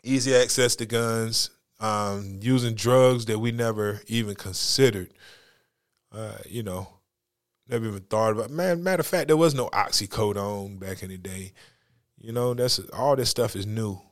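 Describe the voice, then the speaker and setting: Middle-aged male podcast host, easygoing and chatty, unhurried delivery. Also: fairly low pitch. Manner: laid-back, storytelling. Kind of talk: casual chat.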